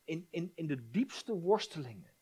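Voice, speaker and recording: A man's voice: fairly high pitch, very animated, a little slow, husky. Man preaching with repeated words. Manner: repeats words when stressing a point, drops to a hushed voice for prayers. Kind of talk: sermon.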